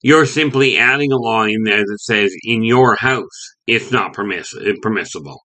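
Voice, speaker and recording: A man's voice: fairly low pitch, moderate pace, sharp tone, low-quality recording. A man from Canada giving a rambling opinion monologue as a video host, often restarting and saying "okay".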